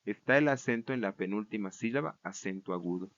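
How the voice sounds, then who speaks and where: A man's voice: lowish voice, a little fast, a bit bright, highs cut off. Patient man teaching Greek grammar. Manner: patient and explanatory, with frequent checks like "¿vale?" and "¿no?"; repeats words and restarts while explaining. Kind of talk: recorded lecture.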